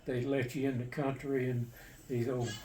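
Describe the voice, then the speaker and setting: An older man, a war veteran, casually recounting his memories in a halting, matter-of-fact, plain-spoken way. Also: medium pitch, little pitch movement, warm tone. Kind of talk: casual personal storytelling. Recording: distant mic with faint background noise.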